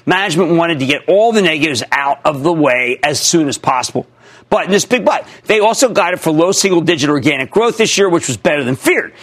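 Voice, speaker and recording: A man in his sixties hosting a TV finance show, talking in an energetic, emphatic way with a husky voice. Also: a little high. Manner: animated, emphatic, shouts at times. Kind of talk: energetic market commentary.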